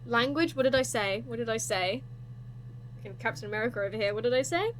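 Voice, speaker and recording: A young woman chats casually through a game at her computer, swearing freely and cooing in baby talk to her cat. Her voice sits fairly high. A faint hum lies behind the desk mic. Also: fast. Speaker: gaming streamer. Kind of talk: casual let's-play commentary.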